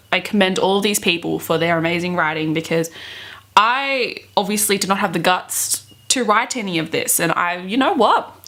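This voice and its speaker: Her voice is on the low side and a bit bright as she dramatically reads fan fiction in her bedroom. The speaker, a book vlogger in her twenties, is theatrical and giggly, with gushing, chatty side comments.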